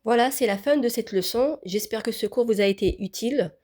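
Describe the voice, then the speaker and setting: A woman teaching a language lesson on letters, speaking carefully and repeating each word clearly for learners to copy. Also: on the high side, a little fast, darkish tone. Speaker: Arabic teacher.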